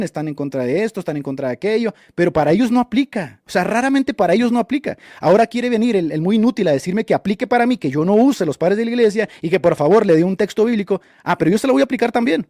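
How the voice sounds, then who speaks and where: Fast, high-voiced scornful male radio host. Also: dark tone, dry recording, studio quality. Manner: mocking and scornful, insults opponents; argumentative, lecturing with rhetorical questions. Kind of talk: combative live commentary answering a chat.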